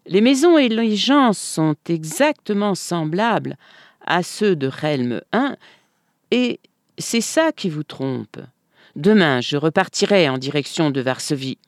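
A calm, stubborn village man voiced by a storyteller speaks slowly and deliberately. His lines rise and fall in lively pitch, heard close and dry. Storybook reading. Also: no room sound.

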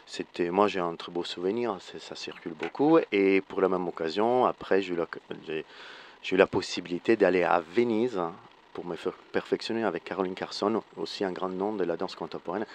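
A man in his forties from Florence with an Italian accent, a native Italian speaker talking as a guest choreographer in a radio interview, thoughtful and pausing to find his words in French. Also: sits low, slight background noise. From Italy, Florence.

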